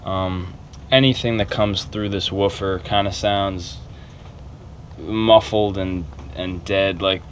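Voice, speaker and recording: A man with a deep voice and fairly even intonation speaks slowly, walking casually and a bit hesitantly through an unscripted, informal repair tutorial. He's a video maker working in a small, cluttered, carpeted room indoors. There's slight background noise.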